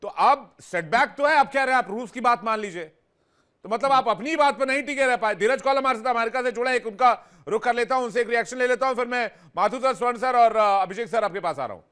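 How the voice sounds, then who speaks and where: High-voiced emphatic male debate host. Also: fast talker, pushed and bright, clear, resonant tone. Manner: emphatic, colloquial, uses folk sayings. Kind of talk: televised debate hosting.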